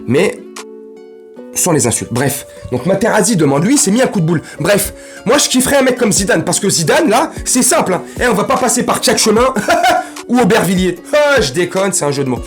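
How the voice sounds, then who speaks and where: Football fan guy ranting on his vlog, pitch all over the place, slangy, faint music behind. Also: brisk. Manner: animated, slangy, bursts into shouting and laughs. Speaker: football fan channel host.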